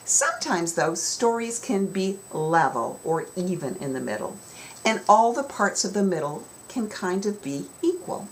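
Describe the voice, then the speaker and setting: A woman with a mid-range, sing-song voice speaks at a measured pace on a rough recording with clear background noise. She is a children's author giving an instructional talk to young students, explaining things with emphasis in a storytelling style.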